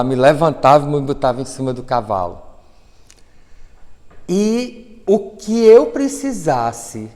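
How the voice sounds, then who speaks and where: A man with a Brazilian accent giving an informal preaching talk, speaking intimately to the listener with slow, emphatic repetitions. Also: mid-range voice, warm tone, big-room sound. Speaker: spiritual speaker leading a prayer.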